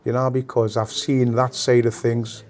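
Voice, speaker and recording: An older man from Newcastle with a Geordie accent, reminiscing in an interview in a halting, repetitive way. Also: medium pitch, flat delivery, a little mellow, faint music behind. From Newcastle, England. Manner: halting, repeats phrases. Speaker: former gang member being interviewed.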